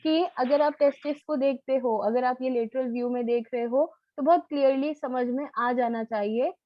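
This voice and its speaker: A woman's voice: high voice, steady tone, moderate pace, dry recording, muffled recording. A woman biology teacher giving a live online lecture, coaxing answers out of her students in a familiar, quizzing way.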